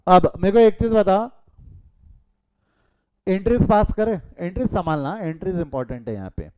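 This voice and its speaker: Speaking at a normal pace, this middle-aged Indian-accented commerce teacher has a mellow, resonant voice pitched a little high, and he stays expressive throughout his live online lesson. He moves between Hindi and English, quizzes his students and slips into friendly digressions. The close call-mic recording is clear.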